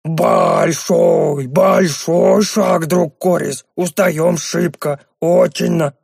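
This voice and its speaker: A short, crafty gnome, played by a man reading aloud, slightly raised above a plain male voice. He drawls slowly in clipped, broken phrases. Dry, close recording. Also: fairly high pitch, steady tone, creaky, a little mellow, slightly rough, no room sound, voice pushed up, full character voice. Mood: sly. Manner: slow, clipped broken grammar.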